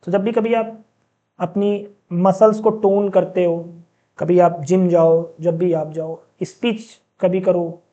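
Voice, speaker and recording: A man teaching a class in a casual, chatty way, often asking the students questions and slowly reading out English lines. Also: sits high, steady tone, dark tone, dull audio. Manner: mixes in read-out English sentences, slowly. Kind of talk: classroom lecture.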